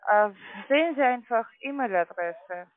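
Over a narrow, muffled telephone line, a man's very high-pitched, expressive voice moves at normal speed, with no room sound and faint music in the background. He is a call centre agent selling trading accounts, not a native speaker and not German by first language, and his sales pitch is ungrammatical.

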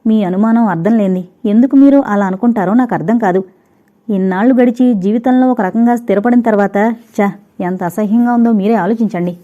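Woman reading hurt young wife, indignant, warm dark voice, muffled lo-fi sound. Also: mid-range voice, a little fast, close to an everyday voice. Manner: wounded, indignant. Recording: dull lo-fi recording.

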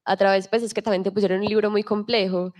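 A woman moderating a festival conversation, asking questions in a relaxed, conversational way. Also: mid-range voice, fast.

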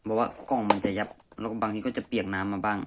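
An amateur reviewer chats off the cuff in a messy room at home, thinking aloud as he goes. His voice is on the low side and steady, and he races through his words. The home recording is clearly noisy.

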